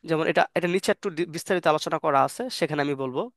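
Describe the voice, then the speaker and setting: A man giving a casual English grammar lesson, reading examples slowly and explaining quickly, with many fillers and restarts. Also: a little high, fairly even intonation, fairly bright tone, no echo, studio quality. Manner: mixes Bengali and English, reads examples slowly then explains fast. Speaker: English teacher.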